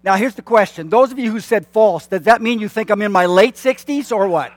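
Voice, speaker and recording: Addressing his congregation with announcements in the church sanctuary, a church consultant in his late fifties comes across as friendly and modest about himself, pausing on many fillers and restarting sentences. He has a high voice for a man, recorded dry and close with little echo.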